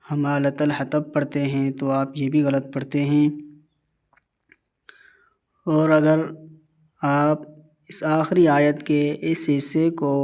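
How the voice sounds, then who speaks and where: Flat-voiced male Quran teacher. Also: medium pitch. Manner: slow, careful recitation of verses; patient explaining, repeats each correction. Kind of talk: Tajweed lesson.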